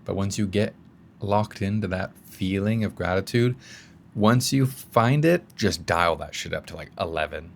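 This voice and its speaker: A man's voice: deep voice, moderate pace. A man speaking as a coach in a casual self-help talk, guiding the listener through exercises and swearing now and then.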